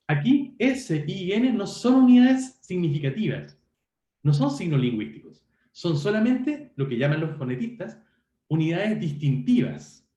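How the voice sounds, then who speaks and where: A lively male university lecturer with a high voice gives an online linguistics lecture in an echoey room. He explains things, checks in with students, and corrects himself often, saying "perdón" frequently.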